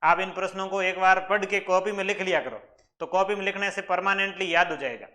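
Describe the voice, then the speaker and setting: A male maths teacher from Rajasthan, India, speaks in a high, sharp voice at a fairly quick pace. In this exam-prep lesson, he works through exam questions step by step, posing questions and answering them himself.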